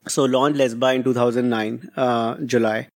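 A man's voice: mid-range voice, flat delivery, moderate pace. A man with a North Indian accent giving conversational interview answers as a founder, switching between English and Hindi and often checking in with "right?". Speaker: interview guest, startup founder.

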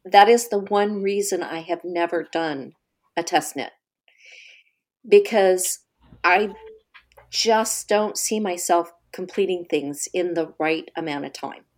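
A woman co-hosting a podcast speaks in a lowish voice at an easy, slow pace. She chats casually, dropping in relatable asides. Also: darkish tone. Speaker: podcast co-host.

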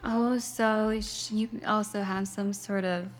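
A woman hosts a casual podcast chat in a mid-pitched voice. She reacts to her guest with quick gasps, exclamations and short questions. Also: fairly even intonation. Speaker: host.

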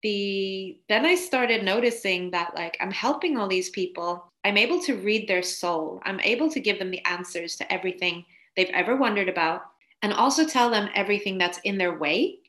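A woman spiritual coach chats through her story as a podcast interview guest, laughing frequently and peppering her speech with "like." She talks at a moderate pace, with a medium pitch and a fairly bright tone.

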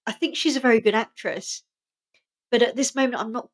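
A woman's voice: a little high, a little fast. A woman co-hosting a podcast, chatting casually as she retells and quotes scenes from an episode. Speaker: podcast co-host. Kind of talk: casual chat recapping a TV episode.

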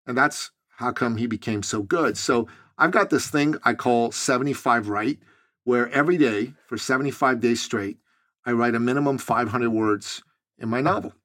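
A man from Iran hosting a casual podcast interview, easygoing and quick to laugh at himself. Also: medium pitch, fairly bright tone. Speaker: podcast host.

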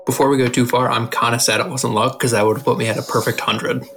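A man's voice: mid-range voice, little pitch movement, fast, over music. A man playing in a tabletop game, describing his character's actions in a casual way. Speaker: player.

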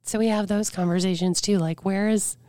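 A woman in her forties with a hoarse, weakened voice, telling her story as a podcast guest in a candid, reflective way. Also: mid-range voice, fairly even intonation, brisk, warm tone, no echo. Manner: earnest, reflective, breaks into faint whispers.

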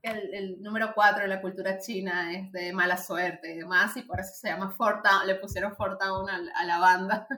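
A woman's voice: medium pitch, fairly even intonation, normal speed, pushed and bright, a little hiss or hum. A woman in her thirties, chatting animatedly about a film as a podcast co-host, with lots of fillers. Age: 30s. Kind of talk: casual film review chat. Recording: echoey room.

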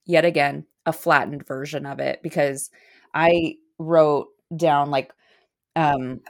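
A woman's voice: sits low, fairly even intonation, slow pace. A woman co-hosting a casual fan podcast, talking thoughtfully and hesitantly. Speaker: podcast co-host. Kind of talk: casual chat.

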